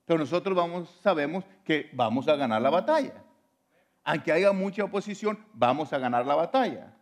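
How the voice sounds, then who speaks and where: A man's voice: a little high, expressive, normal speed. A man preaching a sermon. He speaks earnestly and directly to his listeners, often restarting words, and grows more fervent and emphatic.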